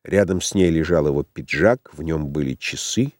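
Deep low voiced guy reading a novel, slow and even, dry studio sound. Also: no echo. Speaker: audiobook narrator. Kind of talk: literary audiobook reading.

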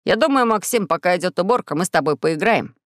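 A woman reading an audiobook, voicing a cheerful, sly blue-faced alien boy inventor in a lowered voice. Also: animated, quick pace, no room sound, clean studio sound, natural voice. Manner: sly and boastful.

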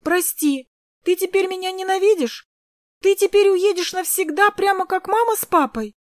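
A woman's voice: high-pitched, lively intonation, measured pace, dry recording, studio quality, voice pushed up. Woman playing a tearful little girl. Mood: pleading tearful. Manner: sobbing, pleading.

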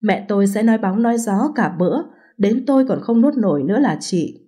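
A woman narrating a first-person story as an audiobook, in an even, unhurried way. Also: mid-range voice, breathy edge.

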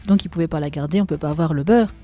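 A woman's voice: low-pitched, racing, warm tone, faint music behind. A woman co-hosting a casual podcast chat, chatty and laughing often. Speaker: podcast co-host.

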